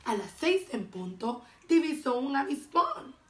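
Woman teacher, storybook reader, slightly high voice, echoey far-off room sound. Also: measured pace. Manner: expressive bilingual storytelling. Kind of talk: reading a picture book aloud.

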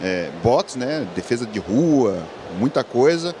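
A man's voice: medium pitch, big pitch swings, slow. A man giving colloquial, conversational boxing analysis as a colour commentator, with a joking manner. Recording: clear background noise at live event.

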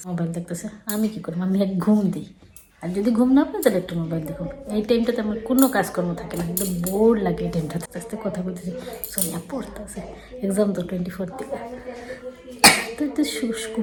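A middle-aged woman chatting casually to her viewers in a home vlog, talking in a relaxed colloquial way and recorded on a phone camera. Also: mid-range voice. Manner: chatty, talks straight to viewers in colloquial dialect. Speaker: vlogger.

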